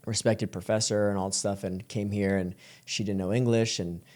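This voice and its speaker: A man's voice: fairly low pitch, moderate pace. Man chatting loosely, full of filler words. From Colombia. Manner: relaxed, full of fillers and restarts. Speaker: podcast guest, creative entrepreneur. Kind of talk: casual interview chat.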